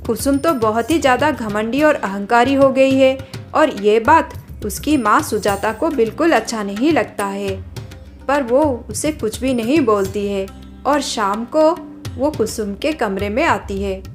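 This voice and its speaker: A woman narrating a storybook drama in a calm, plain way. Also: on the high side, unhurried, soft background music.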